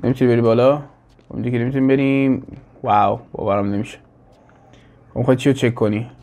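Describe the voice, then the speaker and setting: A man's voice: mid-range voice, level tone, a little mellow. A man giving playful, teasing commentary as he plays and retells the game. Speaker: gaming YouTuber. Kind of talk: casual gameplay commentary. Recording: voice over game audio with music.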